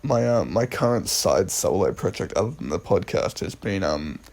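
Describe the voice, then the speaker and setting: A man's voice: sits low, sing-song, normal speed, vocal fry, a little mellow, a little hiss or hum. A young man co-hosting a casual podcast, rambling with lots of "like" and "um". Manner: rambling, full of "like" and "um". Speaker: podcast co-host.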